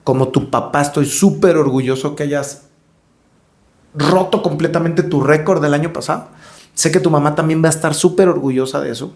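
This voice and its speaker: A middle-aged man with a Mexican accent, a fairly high voice, and a darkish tone talks a little fast as a podcast guest. He tells stories in a reflective, conversational way, repeating words when he's searching for them.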